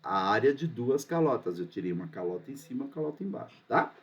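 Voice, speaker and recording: A man's voice: mid-range voice, sing-song, quick pace, slightly rough, lo-fi sound. A man teaching a math lesson, patient and often checking that the students are following.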